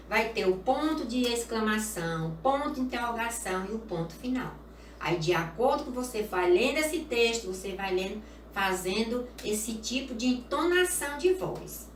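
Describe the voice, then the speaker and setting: A woman's voice: mid-range voice, a bit bright, distant mic, slight background noise. A woman teaching a recorded class to young children, patient and repeating each point with little check-in questions. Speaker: primary school teacher. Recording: echoey room, voice off-mic.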